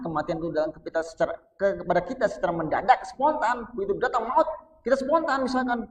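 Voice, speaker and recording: A man giving a casual mosque sermon, chatting with the congregation and swinging from soft low asides to loud, high-pitched emphasis. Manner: conversational, keeps addressing listeners as "Pak". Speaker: preacher. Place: small prayer hall. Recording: echoey, distant, dull-sounding mic.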